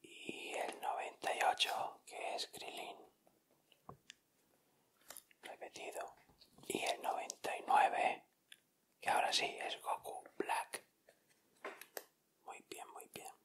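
An ASMR video creator, a man seated at a table indoors, whispers softly and deliberately. He narrates each item in an unhurried, gentle manner.

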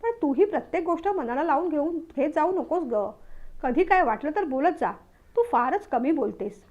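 A woman reading the part of a young newlywed husband who is short-tempered but caring, snapping when irritated and going soft when he apologizes. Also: sits high, animated, normal speed, lo-fi sound. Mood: gentle, apologetic.

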